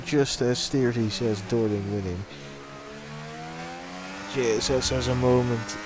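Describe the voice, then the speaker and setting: A man's voice: medium pitch, steady tone, takes it slowly, over music. A man casually commentating a live sim racing stream and chatting with viewers. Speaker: race commentator.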